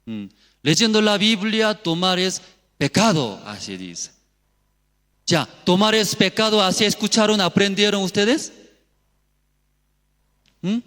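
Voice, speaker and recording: A man's voice: high-pitched, animated, takes it slowly, pauses often, bright, forceful tone, big-room sound. A male pastor preaching in short, simple phrases full of rhetorical questions, with Korean as his first language. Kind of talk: sermon. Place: church hall.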